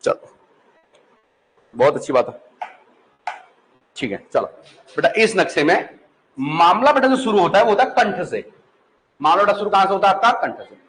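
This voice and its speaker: Man, Pahari-influenced Hindi accent, high-pitched, classroom lecture, patient, repeats questions to students. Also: very animated, moderate pace, pauses often, fairly bright tone, a little hiss or hum, poor audio. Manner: patient, chatty, checks often that the class follows. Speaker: teacher.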